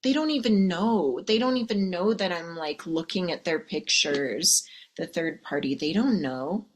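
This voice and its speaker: A woman's voice: fairly low pitch, animated, unhurried. A woman coaching a live audience of women, chatty and sassy, calling them ladies and darling and acting out quoted voices. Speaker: love and mindset coach.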